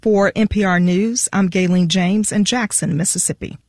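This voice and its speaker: A woman's voice: mid-range voice, fairly even intonation, moderate pace, a little mellow, dry recording. A woman delivering a scripted radio news report as a reporter, close to the microphone.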